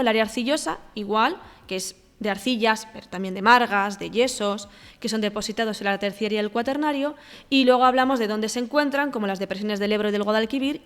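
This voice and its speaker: A woman teacher with a Spanish accent from Spain explains exam answers step by step. She pauses on fillers and keeps checking that her listeners follow. Her voice has a long reverb trailing behind it. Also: mid-range voice. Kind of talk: exam walkthrough lesson.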